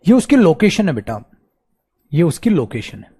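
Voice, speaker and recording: A man's voice: a little high, moderate pace, slightly rough. A man with an Indian English accent teaching an online English grammar class, switching between Hindi and English and acting out short student replies and dialogues. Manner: animated, acts out student replies and little dialogues; calls listeners beta and bhaiya, mixes Hindi and English. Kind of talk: online coaching class lecture.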